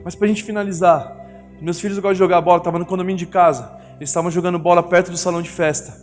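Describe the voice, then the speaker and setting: High-voiced Brazilian pastor in echoing hall. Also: male voice, steady tone, racing, darkish tone. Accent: Brazilian Portuguese. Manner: storytelling, acts out family voices. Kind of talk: sermon. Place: church hall. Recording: long reverb of a church hall with music.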